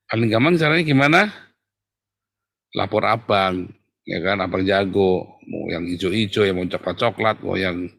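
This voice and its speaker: A man preaching a sermon in a colloquial, teasing way, swinging from loud outbursts to near-whispers. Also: sits low, moderate pace, vocal fry, pauses often. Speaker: pastor.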